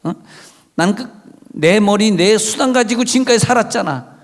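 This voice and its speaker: A man's voice: high-pitched, normal speed, pitched above the performer's own voice. A man voicing a desperate grown man who clings on and pleads insistently for a blessing, heard in a reverberant church hall. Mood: pleading.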